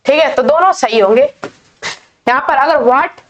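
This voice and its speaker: A woman's voice: high-pitched, a bit bright, lo-fi sound, a little hiss or hum. A woman teaching an English grammar lesson in Hindi, patiently repeating each rule. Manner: slow, patient, repeats key points.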